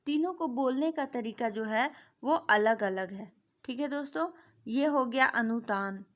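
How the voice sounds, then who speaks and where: A woman's voice: on the high side, measured pace. A woman teaching an exam-prep grammar lesson, asking questions and answering them herself, repeating key points. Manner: repetitive, asks and answers her own questions.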